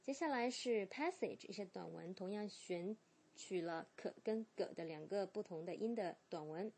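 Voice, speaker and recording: A woman teaching English pronunciation in Chinese, slowly and deliberately, repeating each word as a drill. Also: medium pitch, animated, a little mellow. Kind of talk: bilingual pronunciation lesson.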